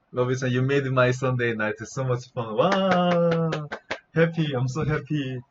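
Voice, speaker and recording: A man's voice: mid-range voice, a little slow. A young man with a Korean accent hosting a live animal sound guessing game, teasing his viewers, laughing a lot and imitating animal calls. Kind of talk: playful live chat with viewers. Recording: slightly dull lo-fi stream audio with faint noise.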